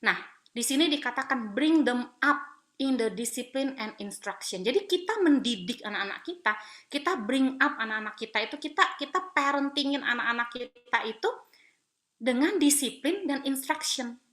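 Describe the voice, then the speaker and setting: A woman pastor from Palembang, Sumatra, preaching a women's Bible talk in a conversational, animated way, slipping in English phrases. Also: high-pitched, normal speed.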